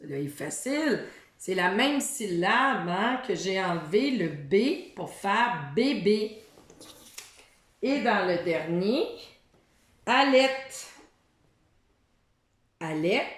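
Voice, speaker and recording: A woman's voice: mid-range voice, lively intonation. A woman teaching a syllable game to young children from her living room. She speaks straight to the child and draws out each syllable. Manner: talks directly to a child, drawing out syllables slowly. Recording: roomy echo of a home room.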